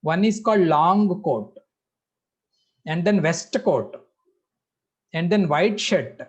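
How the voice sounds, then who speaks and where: A man's voice: on the high side, animated, takes it slowly, breathy edge. A man with an Indian accent giving a Vedanta discourse as a spiritual teacher, explaining didactically in short repeated phrases and putting questions to his listeners.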